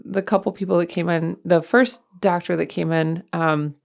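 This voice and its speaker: Woman, podcast co-host and mom; rambling casual chat, lowish gravelly voice. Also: fairly even intonation, normal speed, a little mellow. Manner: rambling, chatty, many fillers.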